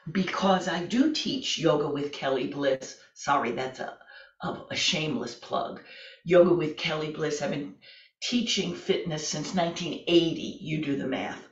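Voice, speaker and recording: Woman in her sixties, yoga teacher, gentle and chatty, unhurried, roomy dull home-video sound. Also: fairly low pitch, far from the mic. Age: 60s. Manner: gentle, chatty, self-deprecating guidance. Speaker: fitness and yoga instructor. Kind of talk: guided exercise class. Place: home, exercising on the floor.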